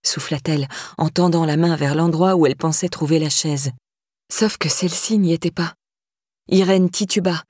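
A woman narrating a novel aloud in a steady, measured storytelling voice. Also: fairly low pitch, husky, no echo, studio quality. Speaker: audiobook narrator.

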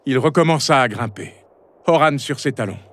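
A man narrating a children's storybook chapter in an expressive storytelling manner. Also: medium pitch, normal speed.

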